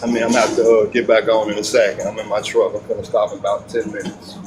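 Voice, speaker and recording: A man's voice: lowish voice, little pitch movement, very fast, over music. A man calling in from his truck, talking in an earnest, preachy way over a bad connection that keeps cutting out. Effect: bad call connection, voice cutting in and out. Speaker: caller. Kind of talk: call-in debate on a live stream. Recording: choppy noisy call from a truck.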